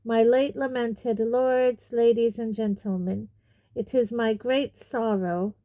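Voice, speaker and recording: A woman voicing a proud, formal gentleman ghost who is easily wounded, in a storybook reading. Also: a little high, fairly even intonation, slow, dry recording, pitched above the performer's own voice. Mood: pompous. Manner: formal, pompous.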